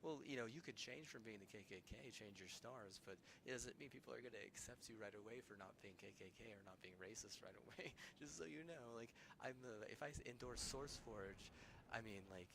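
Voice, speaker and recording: A man in his early thirties rambling on a gaming live stream, profane and halting, with many restarts. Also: mid-range voice, gravelly, noisy background. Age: 30s.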